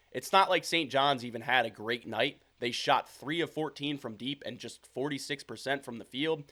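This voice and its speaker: A man's voice: mid-range voice, a bit bright. Opinionated young man talking college hoops. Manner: opinionated, self-assured, repeats his takes. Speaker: podcast host. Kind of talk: solo sports commentary podcast.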